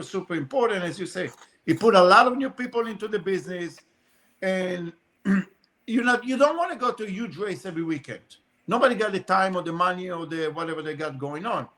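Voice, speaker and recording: A man with a high, bright, forceful voice talks in a loose, rambling way, piling up fillers like "you know" and "like" as he tells racing stories. It is casual podcast conversation, animated and unpolished. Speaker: guest, RC car racer.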